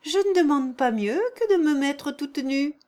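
A woman reading aloud and voicing an excitable, hysterical dead woman with shrill, eager exclamations. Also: measured pace.

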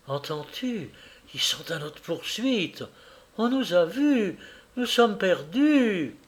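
A man's voice: high voice, very animated, takes it slowly, voice pushed up, full character voice. A man reading a story aloud, voicing a terrified frail woman accused of murder, who speaks in strained, frightened tones and fading murmurs. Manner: strained, fearful, fading whispers.

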